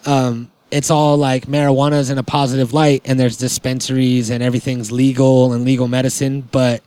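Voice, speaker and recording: A man hosting a podcast in relaxed, casual chat. He rambles along with plenty of "like"s and "um"s. His voice sits in an ordinary middle pitch. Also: fairly quick, smooth. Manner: rambling, laid-back, full of "like" and "um". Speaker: podcast host.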